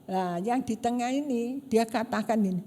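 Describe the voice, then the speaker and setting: A woman pastor preaches in a high, mellow voice. She tells stories with animated energy and acts out the voices of the people in them. Her voice carries a long church-hall reverb. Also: moderate pace. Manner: animated storytelling, acting out quoted voices. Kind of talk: sermon.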